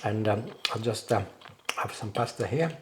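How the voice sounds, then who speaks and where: A man's voice: on the low side, moderate pace, fairly bright tone. A man chatting casually as he demonstrates cooking, savouring the food. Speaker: cooking show host. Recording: clear background noise, kitchen clatter.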